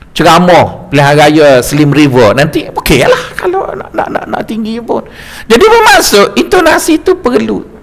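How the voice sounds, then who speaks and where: A middle-aged religious teacher with a Malaysian Malay accent gives a mosque lecture, lively and full of jokes and stories, often stammering and restarting. His voice is high and gravelly.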